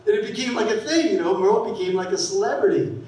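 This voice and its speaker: Stand-up comic, man, fifties, high voice, rambling anecdotes, heard from afar in a roomy club. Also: expressive, fast talker. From San Francisco Bay Area. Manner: rambling storytelling with bursts of shouted character voices. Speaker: stand-up comedian. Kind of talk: stand-up set. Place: comedy club stage. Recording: echoey club sound from a distant mic.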